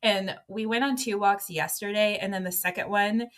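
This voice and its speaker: A woman's voice: medium pitch, fairly even intonation, moderate pace, a bit bright. A young woman co-hosting a casual podcast, rambling through anecdotes and laughing often. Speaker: podcast co-host. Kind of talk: casual chat.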